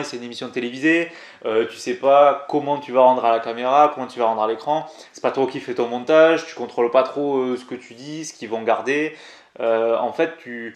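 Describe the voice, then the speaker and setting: A young man from southern France speaks with a clear Toulouse accent, telling a story to his viewers in a loose, slangy vlog style. His voice sits at an ordinary pitch, and it rings with a noticeably roomy echo. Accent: Toulouse, southern French. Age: 20s. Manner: chatty and slangy, addressing viewers directly. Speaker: climbing YouTuber.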